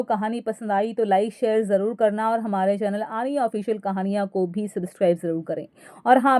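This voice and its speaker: A woman narrating a moral family story in a steady storytelling manner. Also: mid-range voice, dry recording.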